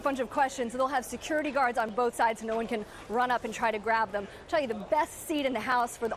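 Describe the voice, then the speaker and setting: An American woman giving a live entertainment news report as a TV reporter, explaining things in a chatty, animated way. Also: high voice, slight background noise. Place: outdoors on a covered red carpet.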